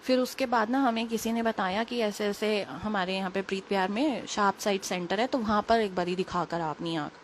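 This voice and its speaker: A young woman, a little unwell, telling a personal story in quick, rambling, casual talk full of fillers. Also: medium pitch, slight background noise. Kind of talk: casual spoken testimony.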